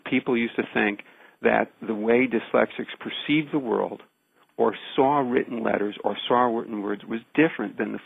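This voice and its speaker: A man gives careful, emphatic explanations as a radio interview guest. His mid-pitched voice is gravelly and husky, and it comes through a narrow, phone-like line. He stacks short phrases to drive each point home. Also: no echo. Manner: deliberate, emphatic, builds points in repeated phrases. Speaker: research scientist, interview guest.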